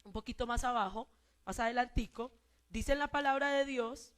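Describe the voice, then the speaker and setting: Woman, Colombian accent, pastor, sermon, high-pitched, rhetorical questions. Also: moderate pace, fairly bright tone. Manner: asks the congregation repeated rhetorical questions.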